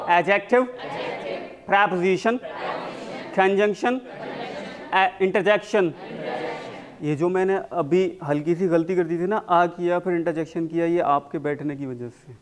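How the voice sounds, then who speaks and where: A man teaching a spoken English class, mixing Hindi and English and slowly repeating words for his students to copy. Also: sits high, a little mellow. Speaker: English communication coach.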